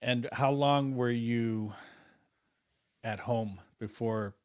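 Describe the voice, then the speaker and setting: A man's voice: mid-range voice, steady tone, very slow, clean tone. A man hosting an interview, asking questions in a hesitant, stumbling way. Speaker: podcast host.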